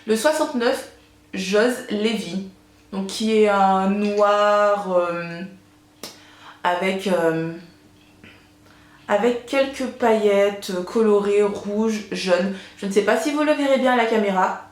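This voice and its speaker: A woman's voice: medium pitch, slow pace. A woman presenting a casual beauty haul, chatty and enthusiastic, with many fillers, recorded on a camera mic at home. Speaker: beauty vlogger. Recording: echoey room.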